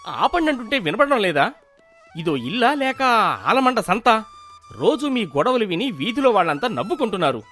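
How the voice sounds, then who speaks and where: A man's voice: on the high side, big pitch swings, moderate pace, a bit bright, faint music behind. A man voicing a weary young farmer husband in a cartoon, pleading and exasperated, caught between quarrels. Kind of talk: cartoon voice acting.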